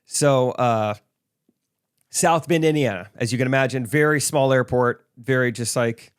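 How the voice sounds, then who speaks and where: A man co-hosts a podcast in relaxed chat. He tells stories with animation and acts out the people in them. His voice is smooth and resonant. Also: mid-range voice, a little slow. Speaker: podcast co-host. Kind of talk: casual chat, storytelling.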